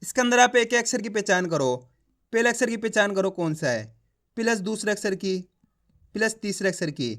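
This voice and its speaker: A man's voice: high-pitched, normal speed, a bit bright. A man teaching reading online, sounding out words syllable by syllable, drawing out each finished word, and coaxing the viewer directly.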